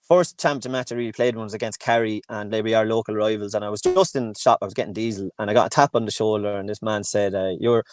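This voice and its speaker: A man's voice: lowish voice, fairly even intonation, fast, few pauses. A man from Kilkenny with an Irish accent, chatting casually as a podcast guest, rambling with many restarts and fillers. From Ireland, Kilkenny. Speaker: guest, hurling coach in Antrim.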